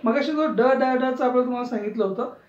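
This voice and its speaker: A woman teaching English pronunciation in a classroom lesson, repeating words slowly and stressing syllables, often asking her learners questions. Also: high voice, a little mellow. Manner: asks learners questions and checks understanding. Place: room with a writing board. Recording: roomy, distant and dull sound.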